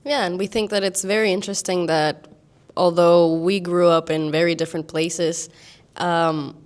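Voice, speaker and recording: A chatty woman from Venezuela co-hosts a live podcast talk in a classroom. Her voice is on the low side and her delivery is relaxed. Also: moderate pace. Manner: casual and chatty. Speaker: podcast co-host. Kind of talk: unscripted talk to a live audience.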